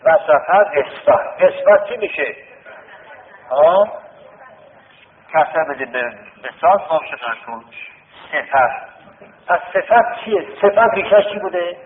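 Lively-voiced man teaching in an echoing classroom. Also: on the high side. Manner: repetitive, drilling students with questions. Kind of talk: classroom lesson on Arabic word roots. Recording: tinny lo-fi classroom recording with long reverb.

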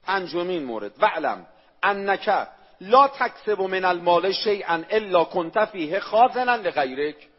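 A man's voice: high voice, very animated. A man preaching a sermon, emphatic and repetitive, asking the listeners rhetorical questions and reciting Arabic phrases. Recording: echoey hall, dull lo-fi sound.

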